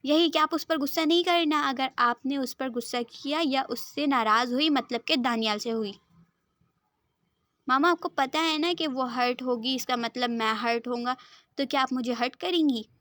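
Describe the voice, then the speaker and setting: A woman's voice: high voice, normal speed, fairly bright tone, no echo. A woman voicing a stubborn, hot-tempered young man who talks in a sulky, petulant way, in a dry recording. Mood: pleading, stubborn.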